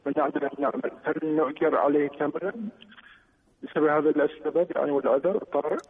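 A man calling in to a radio show over a poor, garbled phone line, asking questions in a halting, hesitant way. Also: fairly high pitch, steady tone. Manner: hesitant, halting, many fillers. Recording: tinny distorted phone line.

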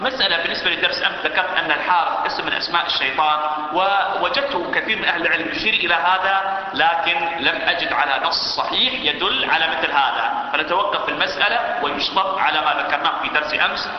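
A man's voice: a little high, a little hiss or hum. A man giving a religious lesson, often repeating key phrases and putting questions to his listeners. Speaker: religious teacher. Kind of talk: religious lesson to a seated audience. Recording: echoey hall, dull sound.

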